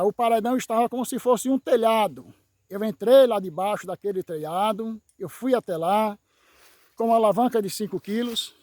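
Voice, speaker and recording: High-voiced man testifying. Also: a little mellow, no room sound. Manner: emphatic, repeats phrases, dramatic pauses. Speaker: evangelical brother giving a testimony. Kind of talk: dramatic spoken testimony.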